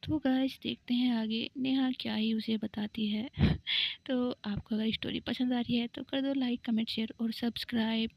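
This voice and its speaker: A woman narrates a romance story casually and chattily. Her voice is a little high with a gravelly fry. The sound is dry and dull, like a lo-fi mic. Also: fairly even intonation, normal speed, dry recording. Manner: chatty, informal. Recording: dull lo-fi recording.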